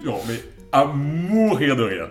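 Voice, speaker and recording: A man's voice: a little high, very animated, takes it slowly, roomy sound, soft background music. A man co-hosting a casual chat, recommending songs and films with enthusiasm, rambling through lots of fillers and restarts. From Belgium. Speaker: podcast co-host.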